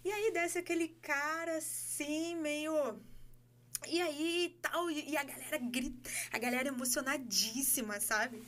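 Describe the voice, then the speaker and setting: A Brazilian woman telling a story in casual podcast chat, animated and laughing as she acts out dialogue. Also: high voice, measured pace. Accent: Brazilian Portuguese. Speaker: guest.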